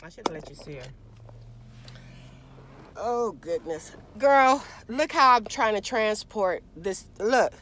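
A woman in her forties chats casually with viewers from a parked car, filming on a phone held at arm's length and often calling listeners "girl" in a loose, conversational way. This vlogger's mid-range voice has lively intonation and a fairly bright tone, moving slowly with frequent pauses.

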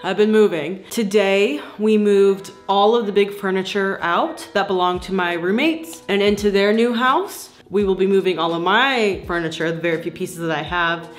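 A woman's voice: medium pitch, moderate pace, hardly any pauses. A young woman in her twenties vlogging casually to a handheld phone camera, playful and swearing freely. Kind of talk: casual vlog chat. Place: house rooms and parked car.

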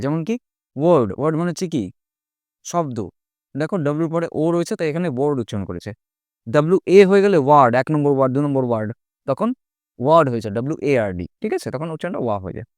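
A man's voice: on the high side, clear, resonant tone, no room sound, clean studio sound. A man teaching a spoken language lesson, explaining letter sounds patiently and often checking with the listener. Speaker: English teacher.

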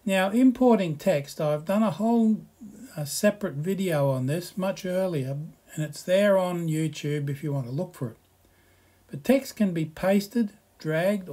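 Man narrating a software slideshow tutorial. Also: a little high. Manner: relaxed, explanatory, reads slides aloud with asides.

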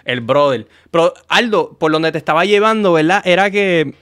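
Host: Puerto Rican man, 30s, slightly high voice, dry close mic, casual and chatty. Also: lively intonation, moderate pace, a bit bright, dry recording. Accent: Puerto Rican Spanish. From Puerto Rico. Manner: casual, chatty, jumps in with his own stories. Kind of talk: live-streamed interview. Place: small home studio. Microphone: studio mic with headphones.

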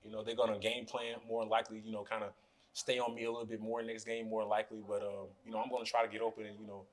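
Standing in front of a sponsor backdrop in the press room, a basketball player in his twenties fields postgame questions. His lowish voice moves at a quick pace, relaxed and loose, with plenty of "you know"s spoken into the podium mics before him.

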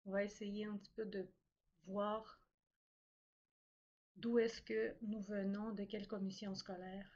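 A woman's voice: mid-range voice, little pitch movement, a little slow, pauses often, darkish tone, lo-fi sound. A woman moderates an online meeting, briefly inviting each participant to speak. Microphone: video call.

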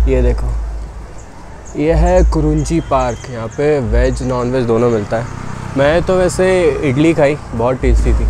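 A young man talking casually to his camera on a motorcycle trip, thinking aloud as he goes. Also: mid-range voice. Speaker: motorcycle vlogger. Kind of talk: casual travel vlog. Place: outdoors on a hill road. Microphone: lapel mic, selfie camera at arm's length. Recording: outdoor noise from traffic. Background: traffic and outdoor ambience.

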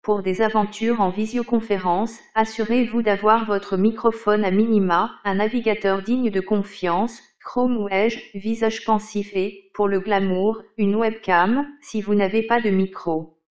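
A synthetic female voice from an older desktop speech synthesizer, reading written text in mechanical, even phrasing. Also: medium pitch, measured pace, echoey room, dull audio. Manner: mechanical, evenly read phrasing.

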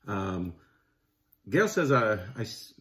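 A man's voice: lowish voice, sing-song, slow, fairly bright tone. A man co-hosting a home vlog, chatting casually and chiming in with short, playful agreement while recovering from a sore throat. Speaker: vlog co-host. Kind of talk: casual chat.

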